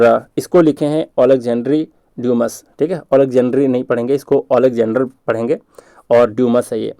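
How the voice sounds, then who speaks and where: Gravelly low-toned Hindi exam teacher. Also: male voice, warm tone, no echo, clean studio sound. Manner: asks the class questions and answers them himself; drops to low asides, then rises for emphasis. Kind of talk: exam-prep lecture with memory tricks.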